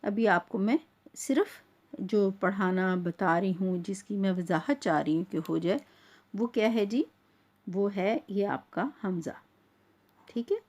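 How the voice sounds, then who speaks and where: Slow, patient woman Quran teacher. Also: medium pitch, darkish tone. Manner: patient, repeats checks like "theek hai" and slows to spell out sounds. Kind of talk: step-by-step lesson.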